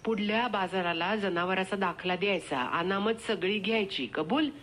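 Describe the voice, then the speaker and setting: A woman reading aloud voices a smooth-talking village livestock broker man with a persuasive, coaxing, rustic way of speaking. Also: medium pitch, moderate pace, fairly bright tone, natural voice.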